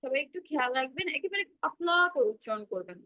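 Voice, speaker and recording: Bright high-voiced woman teaching online. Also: very animated, fast. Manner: patient, repeats sounds for students to echo. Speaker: Quran recitation teacher. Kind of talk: online class instruction. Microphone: video call.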